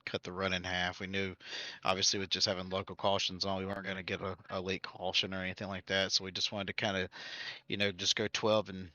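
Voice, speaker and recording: Deep-voiced male driver, dull lo-fi mic. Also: monotone, bright, forceful tone, no echo. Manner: halting, filler-heavy answers. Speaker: race driver. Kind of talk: post-race interview.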